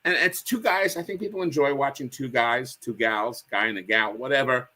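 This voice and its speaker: A man's voice: medium pitch, moderate pace. A man, a guest on a chat show, telling comedy history stories and acting out lines. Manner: animated storyteller, acts out quotes. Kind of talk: casual chat.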